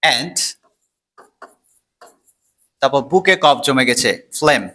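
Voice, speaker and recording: A man's voice: medium pitch, slow pace, sharp tone. A man giving a step-by-step English vocabulary lesson, repeating words and asking himself questions as he explains. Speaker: English teacher.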